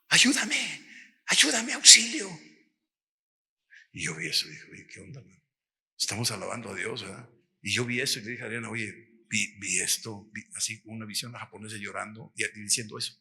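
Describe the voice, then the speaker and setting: Animated Mexican man preaching, bright voice. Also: on the low side, quick pace, gravelly, husky. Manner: animated storytelling, acts out dialogue. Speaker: missions workshop speaker. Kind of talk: testimony sermon.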